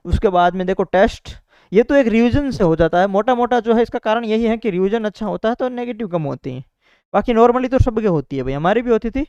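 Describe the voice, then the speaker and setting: A man's voice: sits high, fairly quick, a little mellow, smooth, no room sound, muffled recording. A young man talks casually to exam students about his preparation, repeating himself and filling in with "bhai" and "theek hai". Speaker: exam topper sharing preparation strategy. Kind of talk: casual motivational talk to students.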